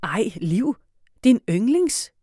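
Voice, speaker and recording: A woman voicing a bossy, protective young girl in a storybook reading, speaking high and insistently. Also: big pitch swings, mellow, husky, no room sound, clean studio sound. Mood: eager.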